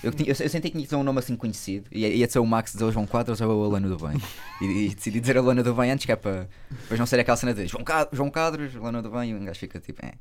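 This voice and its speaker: A man with a European Portuguese accent, a comedian guest telling stories in rapid, slang-heavy podcast banter. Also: mid-range voice. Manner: rapid, slangy, storytelling with laughs.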